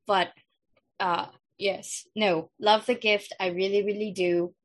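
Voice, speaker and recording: Slow-talking flustered woman role-playing. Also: medium pitch, fairly even intonation, rough recording. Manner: flustered, rambling, giggly. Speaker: player. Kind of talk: in-character role-play.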